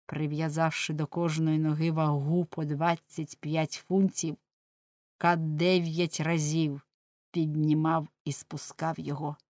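A woman narrating a novel in a grave, measured audiobook reading. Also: low-pitched, little pitch movement, a little mellow, dry recording, studio quality.

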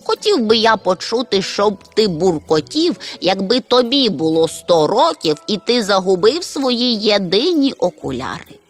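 Woman reading a cranky old stork, slow stern grumbling, storybook. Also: mid-range voice, sing-song, voice pushed up. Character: grumpy old male marabou stork, stiff and proud.

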